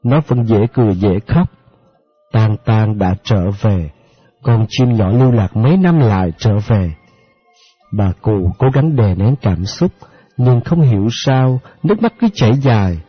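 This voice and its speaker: Steady male audiobook narrator. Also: mid-range voice, slightly rough, no room sound. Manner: steady, measured storytelling. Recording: dry, dull lo-fi audio with faint music.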